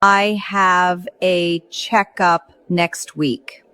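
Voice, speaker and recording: Very slow woman reading example sentences. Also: fairly low pitch, little pitch movement, a bit bright, smooth.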